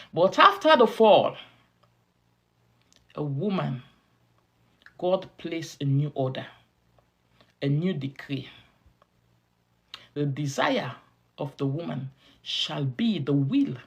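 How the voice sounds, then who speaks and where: A woman's voice: low-pitched, vocal fry, slightly rough. A woman teaching in a sermon style, stressing points by repeating key phrases and stretching words in a preaching rhythm. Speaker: women's ministry teacher.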